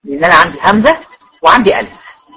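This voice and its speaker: A woman's voice: fairly low pitch, expressive, rapid-fire, bright, forceful tone, slightly rough, low-quality recording. An Egyptian woman teaching a tajweed lecture to female students, explaining step by step and often checking that they follow. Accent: Egyptian Arabic. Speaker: Quran recitation teacher.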